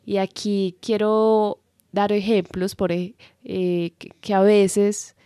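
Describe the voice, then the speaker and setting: A woman co-hosting a relationship advice talk, calm and explanatory with some false starts. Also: medium pitch, slow, clear, resonant tone, dry recording, studio quality. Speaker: co-host and relationship coach. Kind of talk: casual advice talk to viewers.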